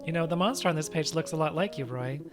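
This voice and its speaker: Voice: medium pitch, fast talker, close to an everyday voice. Player doing a sweet shy little girl, short earnest lines, game music behind. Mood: tender. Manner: simple, short, earnest sentences.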